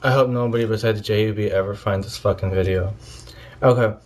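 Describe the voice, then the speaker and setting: A man's voice: on the low side, steady tone, fairly quick. Stoned man on a rambling rant. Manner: scattered, often losing his thread and trailing off. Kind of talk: rambling casual vlog rant.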